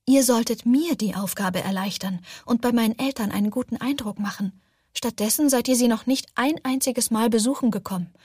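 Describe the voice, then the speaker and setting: A woman's voice: on the high side, a little fast, a little mellow, husky, no room sound. Lady reading as a fed-up young woman, reproachful, dry close mic. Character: young woman, indignant, outspoken fiancée.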